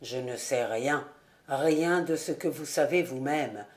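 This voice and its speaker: A secretive charcoal burner with a voice pressed low and slow, as a woman reads him in an audiobook. He talks with grave calm, in a steady, hushed tone. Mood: sad. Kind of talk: audiobook character voice.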